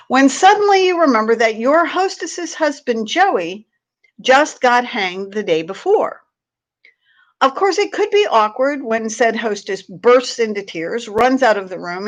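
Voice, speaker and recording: A woman with a fairly bright, somewhat high voice hosts a library read-aloud as a staff reader. She performs a humorous short piece expressively, giving it playful, theatrical emphasis.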